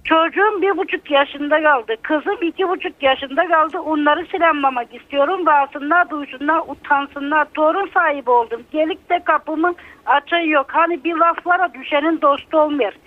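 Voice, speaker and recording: Older woman, radio caller, over a landline phone, high voice, thin phone sound, aggrieved and emotional. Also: normal speed. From Bulgaria. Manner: bitter, aggrieved, emotional complaining. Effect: heard over a landline phone. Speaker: radio call-in listener. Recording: narrow tinny phone line.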